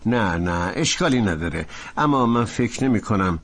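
A calm, husky, fair-minded husband. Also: male voice, fairly low pitch. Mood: reasoning. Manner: calm, reasoning, gentle. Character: level-headed husband, gentle and fair-minded. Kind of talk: Persian dubbing of a TV drama.

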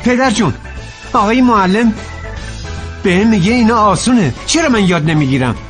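A man voicing an earnest teenage boy student in a dubbed drama who quickly takes offense. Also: high voice, expressive, a bit bright, faint music behind. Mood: indignant.

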